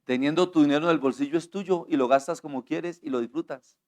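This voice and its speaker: A man preaches from a church altar in a slightly high voice. He moves from soft near-whispers to fervent shouts and keeps questioning the congregation. It is a sermon delivered with full passion. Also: fast. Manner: impassioned, swings from hushed to shouting; asks the congregation frequent questions. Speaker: pastor.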